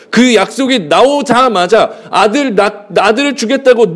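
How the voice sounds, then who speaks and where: A male pastor delivers a conversational sermon, putting rhetorical questions to the congregation and acting out snippets of dialogue with his pitch shifting between characters.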